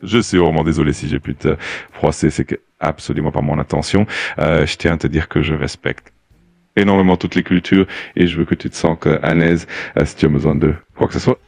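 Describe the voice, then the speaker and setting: A synthetic male assistant voice that answers in a calm, overly polite, evasive way, with hesitant fillers. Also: rumbling low, fairly quick, vocal fry, breathy edge, no echo.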